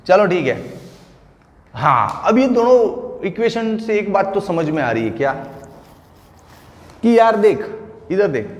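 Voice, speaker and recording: A man teaching physics at a board in an informal, chatty way, calling students friend and repeating terms slowly so they can take notes. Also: sits high, darkish tone, highs cut off. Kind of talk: classroom lecture at a board. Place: classroom with a large board. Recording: echoey room with long reverb.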